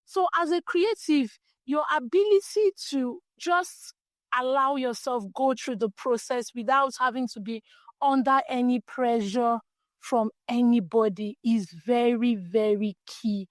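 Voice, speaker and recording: On a solo podcast, a woman with a Nigerian English accent reflects earnestly and encouragingly on her creative path and her faith. Her small, light voice sits on the high side, unhurried and free of echo.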